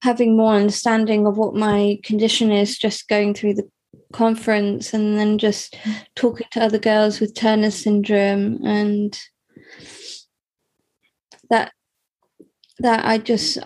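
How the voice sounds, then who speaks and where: A woman's voice: mid-range voice, completely flat delivery, unhurried, darkish tone. A young woman from the UK, talking hesitantly about her life in an interview, with many fillers and restarts. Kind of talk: personal interview.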